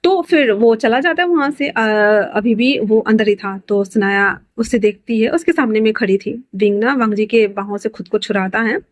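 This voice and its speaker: A woman's voice: on the high side, normal speed, few pauses, no echo. A woman narrating her own fan-fiction story in a chatty, casual way, with fillers and asides.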